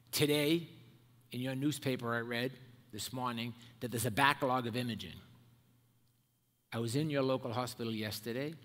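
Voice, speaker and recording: An older man of Irish and American background gives a prepared keynote at a podium on a large, dark auditorium stage, speaking into a headset mic. His mid-pitched, slightly bright voice carries through the reverberant hall, measured and emphatic as he builds points in lists.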